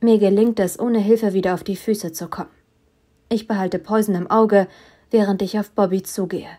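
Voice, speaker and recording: A woman narrating a first-person audiobook in a steady, measured storytelling manner. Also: mid-range voice. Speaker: audiobook reader.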